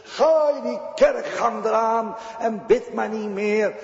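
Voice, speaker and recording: A man's voice: high voice, slow, creaky, darkish tone, voice pushed up, exaggerated voice. A preacher acting out the devil, who urges a doubter in a coaxing way to give up his faith. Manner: coaxing, urging. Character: tempting devil whispering doubts, scornful. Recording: dull echoey church recording.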